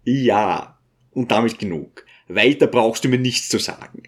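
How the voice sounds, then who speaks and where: A man's voice: mid-range voice, unhurried, close to an everyday voice. A man voicing a brash, overbearing male suitor in an audiobook, talking insistently and crudely. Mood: pushy. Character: pushy, brash middle-aged male suitor.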